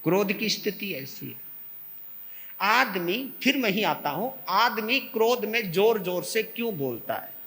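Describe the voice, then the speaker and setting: A high, animated male monk delivering a slow, unhurried sermon. He swings from loud outbursts to soft asides as he acts out quarrels, and a long reverb hangs behind him. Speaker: Jain monk giving a discourse.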